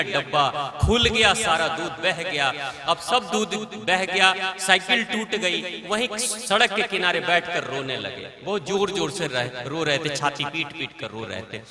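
A man giving a live spiritual discourse, telling homely stories in an animated way before an audience. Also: high voice. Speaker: spiritual preacher. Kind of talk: live religious discourse with storytelling. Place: large hall with audience. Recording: echoey hall with audience.

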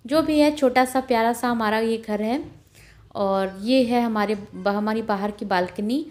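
A young woman with a slightly high voice talks in a relaxed, homely way. She walks through her small home, filming on a handheld phone. Her tone stays casual and conversational throughout. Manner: chatty, homely, walking while filming. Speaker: home vlogger. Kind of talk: casual house tour narration. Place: small rented flat, indoors and on balcony. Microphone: phone camera held while walking.

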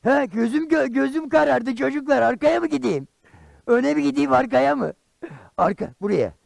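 A man voicing Karagöz, a blunt, quick-tempered common man in a traditional shadow puppet play, firing off rhyming comebacks. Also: animated, no echo, full character voice. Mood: panicked. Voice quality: gravelly and high. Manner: loud, rhyming comebacks, exclamations.

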